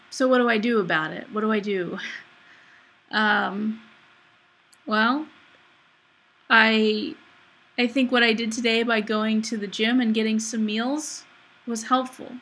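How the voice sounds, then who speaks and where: Slow, bright-voiced woman vlogger. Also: fairly high pitch. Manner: reflective, halting, thinking aloud. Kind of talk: confessional personal vlog.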